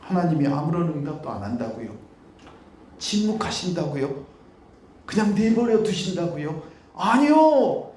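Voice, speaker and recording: A man preaching a sermon as pastor, moving from low, quiet talk to loud pleading cries. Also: very animated, unhurried, pauses often, roomy sound. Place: church sanctuary.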